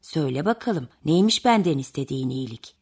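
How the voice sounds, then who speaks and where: Woman putting on a crow, gruff, proud, bouncy, husky voice. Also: sits low, animated, brisk, darkish tone, pitched below the performer's own voice, exaggerated voice. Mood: obliging. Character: helpful but proud crow.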